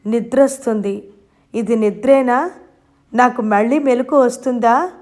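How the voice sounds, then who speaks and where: A woman's voice: fairly high pitch, unhurried, natural voice. A woman narrator voicing a young woman who speaks faintly and hesitantly in a storybook reading. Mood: weak. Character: young woman, weak, dazed and frightened.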